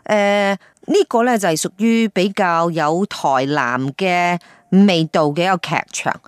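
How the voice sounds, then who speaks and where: A woman radio host, chatting through a feature report with many fillers and pauses. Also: fairly low pitch, clear, resonant tone, no echo, studio quality.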